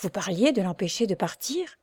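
A woman's voice: a little high, expressive, a little slow, warm tone, dry recording, studio quality, pitched above the performer's own voice. A woman reading the part of a blunt, exasperated male doctor who exclaims in troubled disbelief.

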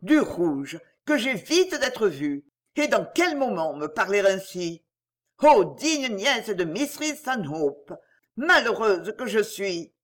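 A proud, volatile aristocratic lady in anguish, as a woman reader puts her on, pitched above the reader's own voice, with a swooping, lively melody. She speaks with passionate, declamatory force, as in a storybook reading. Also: slow pace. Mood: bitter.

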